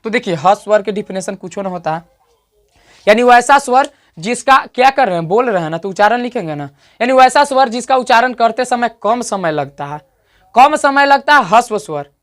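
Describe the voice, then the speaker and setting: A male teacher with an extremely high, fairly bright voice gives an online grammar lesson, speaking fairly quickly with lively intonation. He repeats points, often checks that students follow, and stretches out sounds to show vowel length.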